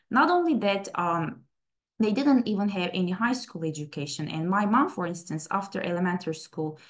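A woman in her thirties, a native Turkish speaker who grew up in Turkey, presents her research in a webinar. She speaks in a fairly low voice, pausing often with fillers and starting sentences over. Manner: halting, many fillers and restarts. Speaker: plant scientist speaking at a webinar. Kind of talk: presentation talk over slides.

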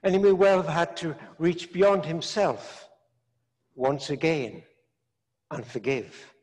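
An older man, a priest, preaching a sermon in slow, measured phrases with long pauses, recorded in a large stone church. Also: fairly high pitch, lively intonation, a little mellow. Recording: echoey church from a distance.

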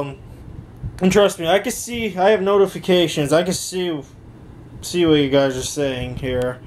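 In a voice on the high side, a young man gives a casual handheld demonstration for his home vlog, recorded with slight background noise. He holds the camera or phone himself while in his bedroom and home workshop.

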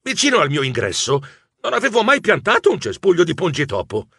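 A man narrating a children's audiobook in first person as a nervous mouse writer, in an expressive storytelling voice. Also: fairly high pitch, a little fast, vocal fry, slightly rough, dry recording, studio quality.

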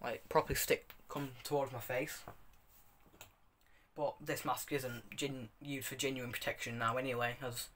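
A man's voice: mid-range voice, level tone, normal speed, fairly bright tone, slight background noise. A young man giving a casual, unscripted review, rambling and correcting himself as he demonstrates. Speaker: hobbyist video reviewer.

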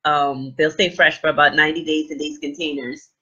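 Chatting live to her viewers during a casual unboxing, a middle-aged livestream host is gushing and animated, full of oohs and fillers. Her deep, slightly husky voice is fairly quick. A webcam at desk distance in a small room with a plain wall captures dull, lo-fi sound.

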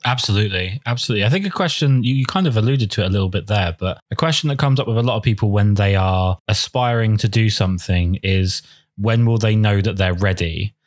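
A male podcast host asking his guest questions in a measured, thoughtful way. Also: fairly low pitch, no room sound, studio quality. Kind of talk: interview questions.

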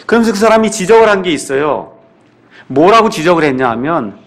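A man preaching a sermon as pastor, emphatic and repetitive, with rhetorical questions to his congregation. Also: high-pitched. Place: church sanctuary.

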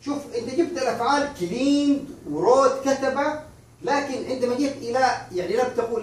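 A man teaching a lesson, explaining patiently and repeating examples, slowing down on the English phrases. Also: sits high. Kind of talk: online language lesson. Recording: very echoey room, far from mic.

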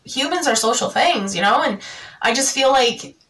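A young woman speaks to camera in a confessional vlog, her voice sitting a little high and tearful. She talks haltingly, with plenty of fillers and restarts, and sounds jittery. The mic is set a bit away from her. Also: expressive, a bit bright, recorded from a distance, rough recording. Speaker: vlogger.

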